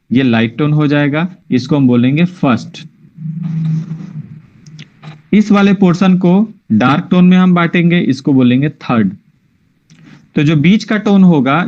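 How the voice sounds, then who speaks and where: A man leads a drawing lesson over an online class, speaking patiently and stopping often to ask whether everyone understands. His voice sits a little high for a man. The audio is dull and lo-fi. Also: a little mellow. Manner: patient, checks often that students follow. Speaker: drawing teacher.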